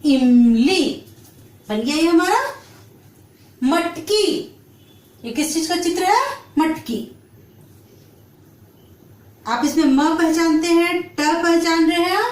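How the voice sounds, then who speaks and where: A woman teacher explaining a children's lesson slowly, drawing out each syllable. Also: high voice, animated, a little mellow, echoey room, recorded from a distance. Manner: slow, drawn-out syllable-by-syllable explanation.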